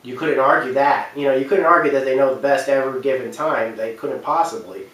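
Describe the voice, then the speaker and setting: A man of medium pitch, talking a little fast with a slightly bright tone, gives unscripted video commentary on film and games. He stresses his points emphatically and repeats phrases, recorded from afar in a room full of echo.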